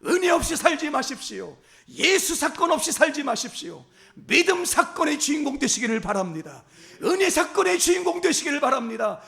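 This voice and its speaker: A male pastor with a strikingly high voice delivers a fervent Sunday sermon. His pitch swings widely as he builds emphasis through repeated phrases. He calls out directly to the congregation. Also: big pitch swings, fairly quick, creaky, sharp tone. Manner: impassioned, repetitive exhortation with rising emphasis; addresses the congregation directly as "everyone".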